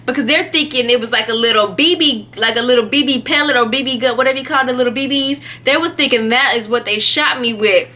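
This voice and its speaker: High bright chatty young woman. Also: quick pace, few pauses. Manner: animated, chatty, often laughing. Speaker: vlogger. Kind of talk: casual storytime.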